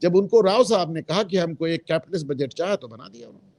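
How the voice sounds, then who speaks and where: Man, political talk guest, emphatic, opinionated, higher-pitched, dry close sound. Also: expressive, quick pace, a little mellow, no room sound. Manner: emphatic, opinionated, mixes in English phrases. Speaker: guest commentator. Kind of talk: political discussion.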